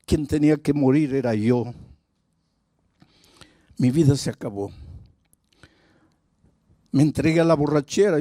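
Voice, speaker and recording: A man's voice: a little high, warm tone, no room sound, clean studio sound. A male pastor speaking in the first person as a remorseful former drunk man confessing his past. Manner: confessional, heavy with guilt.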